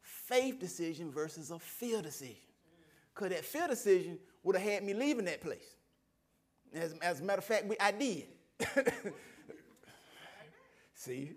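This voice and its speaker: A middle-aged man, a minister, giving a sermon testimony, animated in his storytelling, laughing often and swinging between near-shouts and low asides. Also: measured pace, pauses often.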